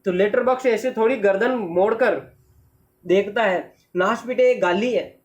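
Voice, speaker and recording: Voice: mid-range voice, a little slow. A teacher explaining and reading a play aloud for a class, asking rhetorical questions along the way. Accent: Hindi.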